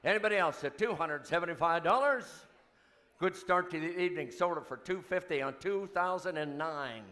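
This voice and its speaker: Bright, high-voiced man calling an auction. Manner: rapid rhythmic auctioneer chant with repeated numbers; joking asides to bidders. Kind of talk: live charity auction calling. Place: event hall, live before an audience.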